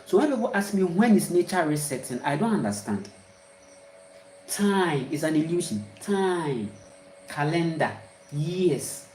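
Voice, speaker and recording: A woman's voice: low voice, sing-song, a little slow, darkish tone, a little hiss or hum. Emphatic Ghanaian woman in an echoey room. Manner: repetitive, emphatic, full of exclamations. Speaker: spiritual speaker. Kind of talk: rambling spiritual monologue.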